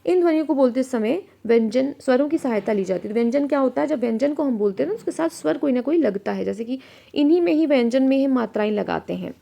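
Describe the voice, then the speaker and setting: A woman with a high, expressive, creaky, and warm voice teaches children a grammar lesson. She poses questions and answers them herself, slowing down to sound out letters and example words.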